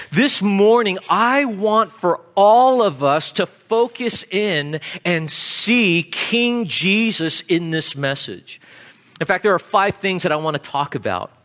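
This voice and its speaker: A guest pastor preaching a sermon with emphatic, deliberate delivery. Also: male voice, high voice, sharp tone.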